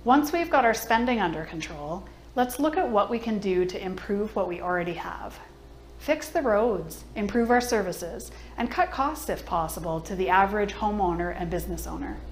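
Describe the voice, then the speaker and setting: A determined woman reads out her council campaign pitch in a steady, mid-pitched voice. A faint hiss of noise sits under the recording. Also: normal speed, low-quality recording. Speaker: council candidate. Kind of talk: read campaign statement.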